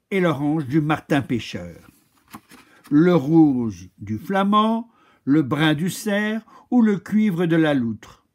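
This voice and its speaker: Man, storyteller, children's story, slow, animated, slightly high voice. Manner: slow, expressive reading. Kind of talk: reading a children's story aloud.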